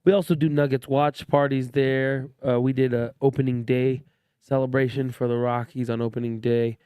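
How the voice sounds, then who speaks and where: A man hosting a casual podcast, relaxed and joking as he chats and reads out a sponsor plug. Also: medium pitch, normal speed, clear, resonant tone, no room sound. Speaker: podcast host. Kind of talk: casual chat.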